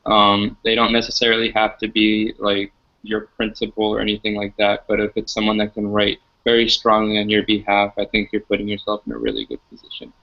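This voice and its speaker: A young man from Boston, a student panelist giving relaxed, measured answers with fillers. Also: on the low side, creaky. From Boston, USA. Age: young adult. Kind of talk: online Q&A session. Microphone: video call. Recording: slightly muffled video call audio.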